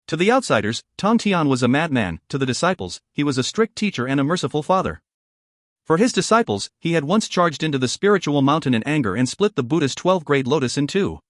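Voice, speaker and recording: A man reading scripted audiobook narration in a steady, even storytelling voice. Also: on the high side, dry recording, clean studio sound.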